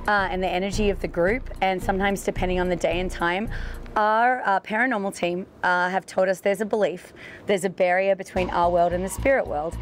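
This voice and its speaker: A woman's voice: mid-range voice, steady tone, brisk, faint music behind. A woman ghost tour guide explaining things casually in an interview, with an informal, wry way of talking.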